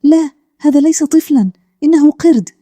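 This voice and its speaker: A man's voice: very high-pitched, a little fast, warm tone, no echo, studio quality, pitched above the performer's own voice. A woman voicing a wary, startled village man who exclaims in an anxious way while reading a bedtime story.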